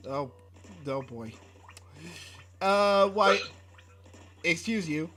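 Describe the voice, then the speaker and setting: A man with a high, expressive, slightly bright voice draws out his words while co-hosting a casual tech podcast. He goes through specs in a relaxed way, stumbling over fillers and restarts and swearing a little.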